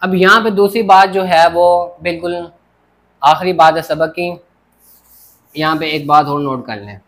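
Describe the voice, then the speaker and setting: Guy teaching grammar at a whiteboard, kinda high voice, keeps saying ok got it. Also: unhurried, fairly bright tone. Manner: explains step by step, repeats "theek ho gaya". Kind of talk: classroom lecture at a board.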